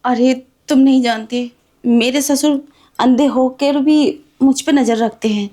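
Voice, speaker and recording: A woman playing an anxious, high-voiced young wife. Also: fairly even intonation, measured pace, dark tone. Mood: worried. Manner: worried, hesitant, defensive. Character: anxious young married woman behind on rent. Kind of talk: amateur Hindi drama skit.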